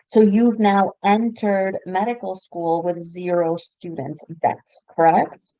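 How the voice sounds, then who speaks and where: Gravelly-voiced woman hosting a webinar. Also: medium pitch, flat delivery, takes it slowly, dark tone, no echo, highs cut off. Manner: probing, recaps figures for the audience. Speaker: webinar host. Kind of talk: moderating a webinar interview.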